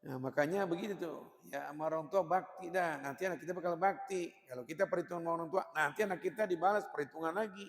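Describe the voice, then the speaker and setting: A man's voice: fairly high pitch, fast, a little hiss or hum. A man preaching a colloquial sermon, blunt and joking, in street slang. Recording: long hall reverb.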